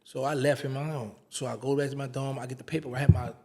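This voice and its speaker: A man's voice: medium pitch, very fast. A man, an interview guest telling a casual story and acting out the dialogue. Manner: animated storyteller, acts out quoted dialogue.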